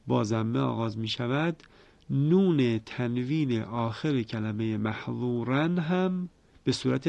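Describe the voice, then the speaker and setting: A man with a gravelly voice gives a formal lesson on recitation rules. He explains step by step in a measured way and slows down to chant each example. The recording is dry and a bit dull. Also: mid-range voice, a little mellow, no room sound. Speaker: Quran recitation teacher.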